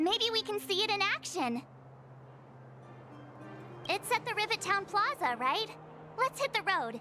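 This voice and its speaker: A woman's voice: very high-pitched, very animated, extremely slow, music in the background, heavily acted. A woman voicing an upbeat young female adventuring companion in a video game, cheerful and eager.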